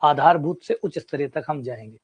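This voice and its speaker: A man gives a maths lecture, his voice sitting a little higher than most men's. He explains step by step with everyday examples and says key points twice. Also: brisk, slightly rough, dull audio. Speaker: maths teacher. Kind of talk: classroom lecture.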